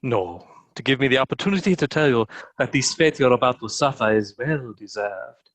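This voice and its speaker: An animated, slightly bright mid-range male voice moves fairly quickly. During a dramatic reading of a historical play, he takes on a soldier full of bitter contempt, taunting a condemned prisoner with sneering, archaic declamation.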